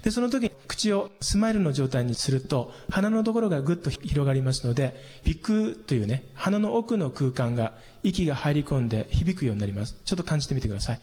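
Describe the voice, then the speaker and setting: A man teaching a singing lesson, explaining patiently and calmly, with hummed demonstrations. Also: fairly high pitch, quick pace, few pauses. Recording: long hall reverb.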